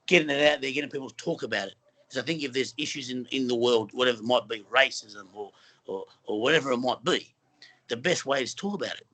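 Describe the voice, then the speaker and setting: A middle-aged man from Western Sydney, Australia, guesting as a film actor, rambles earnestly through a casual interview with frequent fillers and restarts. His voice is medium-pitched, with a pushed, bright quality.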